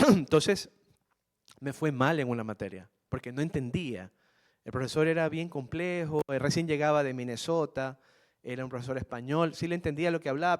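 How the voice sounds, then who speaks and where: A middle-aged man from Ecuador speaks to a group of students as a guest speaker, telling a personal story. He talks earnestly and plainly, repeats his key phrases for weight and keeps turning to his listeners directly. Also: fairly high pitch.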